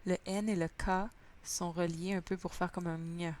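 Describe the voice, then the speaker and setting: A woman's voice: fairly low pitch, fairly even intonation, moderate pace, a little mellow. A woman teaching a language lesson, patiently spelling out sounds word by word. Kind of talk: slow spoken lesson.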